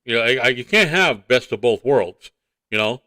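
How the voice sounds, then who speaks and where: A man's voice: medium pitch, expressive, normal speed, bright, forceful tone, dry recording, clean studio sound. A man co-hosting a casual morning show, talking in blunt, rambling, repetitive banter. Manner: blunt, rambling, repeats himself.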